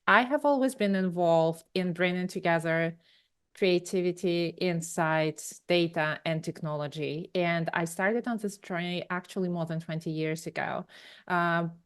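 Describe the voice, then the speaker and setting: This is a woman in her forties with a Ukrainian accent and a lowish, clean-toned voice. A tech company founder appearing as a podcast guest, she tells her career story in long, rambling conversational answers packed with fillers and restarts.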